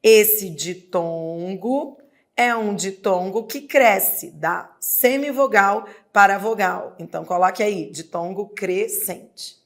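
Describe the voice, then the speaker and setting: A woman's voice: mid-range voice, slow pace. A woman teacher with a Brazilian accent giving an exam prep lesson, sounding out words syllable by syllable. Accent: Brazilian Portuguese.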